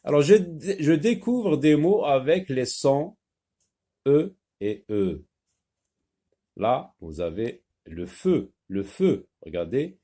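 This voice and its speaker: A man teaching a French phonics lesson, saying each word slowly and repeating it with patience. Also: mid-range voice, big pitch swings, dark tone. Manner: slow, patient, repeats words clearly.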